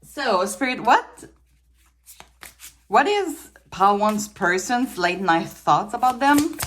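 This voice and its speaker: A Quebec woman whose first language is French gives a casual tarot reading at a table covered in trinkets, speaking with a Quebec French accent. Her mid-range voice is fairly bright and very animated, though she takes her time. She's chatty and a little tired, laughing often and restarting her sentences.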